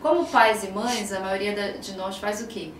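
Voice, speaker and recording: A woman with a Brazilian Portuguese accent, a psychologist who is a guest on a podcast and tells stories lively, acting out her children's voices. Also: mid-range voice, normal speed, recorded from a distance, crowd noise. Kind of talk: podcast interview, explaining. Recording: roomy, off-mic, faint ambience.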